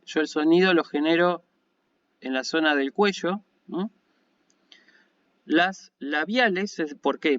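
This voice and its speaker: A man's voice: sits high, a bit bright. Patient Argentine male lecturer, dull audio. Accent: Argentine Spanish. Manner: patient and explanatory, often checking in with listeners. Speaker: university lecturer in Ancient Greek. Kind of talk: online lecture. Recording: dull lo-fi recording.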